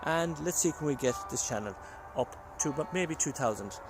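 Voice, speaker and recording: A man's voice: on the high side, lively intonation, normal speed, over music. An Irish man casually narrating a paranormal investigation and calling out questions, often repeating his phrases. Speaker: paranormal investigator and channel host. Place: at a castle and woods. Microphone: phone.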